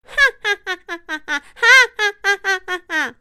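Woman voicing a slow, gloating mad dinosaur villain. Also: sits high, very animated, fairly bright tone, clear, resonant tone, no room sound, clean studio sound, full character voice. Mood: gloating, triumphant. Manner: drawn-out gloating words with cackling laughter. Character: gloating mad-scientist dinosaur villain, male, huge mutant. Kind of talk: children's audio storybook character voice.

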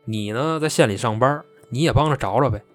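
A man's voice: medium pitch, brisk, faint music behind. A man casually telling a true-crime story in a chatty, colloquial way.

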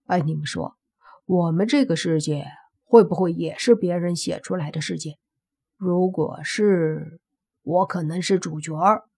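A woman voicing a goofy, easygoing young man, a sidekick in an audiobook, with slow, drawling talk. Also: lowish voice, a little mellow, husky. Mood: wistful.

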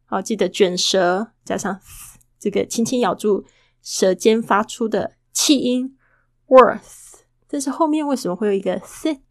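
A woman hosting a casual podcast lesson, chatty and full of rhetorical questions, who slowly models English words and repeats them. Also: mid-range voice, dry recording, studio quality. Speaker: English teacher and podcast host.

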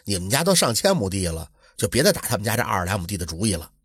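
A shrewd and upright village man from an old folk tale talks low and steady, reasoning patiently, as a storyteller puts him on. His voice is very husky and breathy, heard close and dry. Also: very fast, no echo, full character voice. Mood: earnest.

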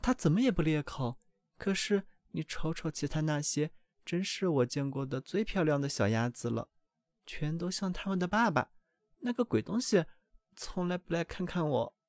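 A man voicing a doting, fussy mother duck in a storybook reading, with a high, excited, scolding voice. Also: normal speed, dry recording. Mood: fretting.

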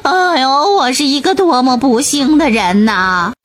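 A woman's voice: sits high, big pitch swings, a little slow, faint music behind. Carter read by a woman: arrogant, cruel storybook man, scornful sneer, little disguise. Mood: wailing. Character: arrogant, cruel male cart driver. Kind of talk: storybook character voice.

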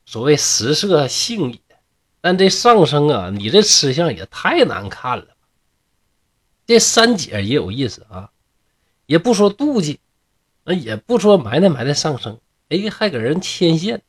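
Male storyteller, Northeastern Chinese accent, husky tone, very lively pitch, joking asides. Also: unhurried. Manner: lively, jokey, chatty asides to listeners.

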